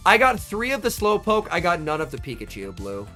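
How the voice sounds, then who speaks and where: Feeling a little under the weather, this young man gives eager, talkative live-stream commentary at a tournament watch party, calling out his chat by name. He speaks in a high voice, a bit fast, over music.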